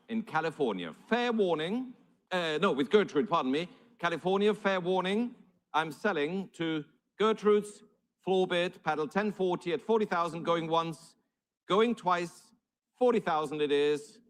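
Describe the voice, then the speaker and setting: A man working as an auctioneer, calling numbers and bids live in formal, courteous patter. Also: fairly high pitch.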